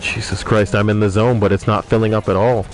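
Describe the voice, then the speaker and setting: A young man with a lowish, level-toned voice speaks slightly fast while streaming a game. He reads messages from viewers out loud and banters crudely and profanely in casual chat, with music running behind him.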